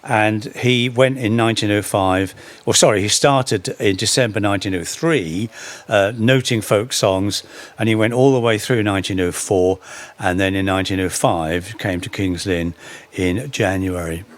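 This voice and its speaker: A man's voice: lowish voice, normal speed, no echo. A man giving a storytelling talk about folk song history, anecdotal and full of wry humorous asides.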